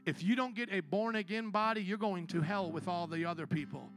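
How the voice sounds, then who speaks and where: Man preaching a sermon, high voice, gravelly edge, calls on the congregation, builds from hushed to shouting, soft guitar behind. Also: brisk. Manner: preaches with call-and-response to the congregation; swings from low quiet passages to loud shouted climaxes. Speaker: pastor.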